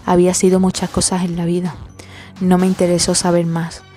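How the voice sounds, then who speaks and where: A woman reads a first-person horror story in a dark, mellow tone, her low voice barely rising or falling. She keeps a slow, measured pace and pauses with hesitant "mm"s. Faint music plays behind her. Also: monotone.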